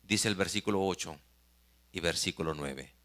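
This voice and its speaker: A male pastor preaching a sermon, swinging from loud exclamations to hushed near-whispers and speaking directly to the congregation. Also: sits low, moderate pace.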